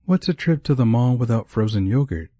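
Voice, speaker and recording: A man voicing a cheerful, playful young woman teacher in an audiobook, lifting his voice higher and teasing. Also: animated, brisk, dark tone, no echo, studio quality, natural voice. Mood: lively. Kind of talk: audiobook character voice.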